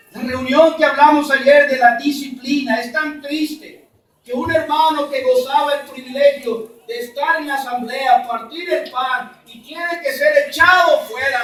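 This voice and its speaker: A man from Mexico preaching a sermon at a church conference, emphatic, then dropping to soft low asides. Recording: roomy echo, from far off.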